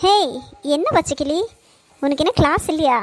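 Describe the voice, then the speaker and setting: A woman voicing a calm, puzzled senior college girl in a cartoon. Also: high voice, moderate pace, natural voice. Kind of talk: Tamil cartoon voice acting.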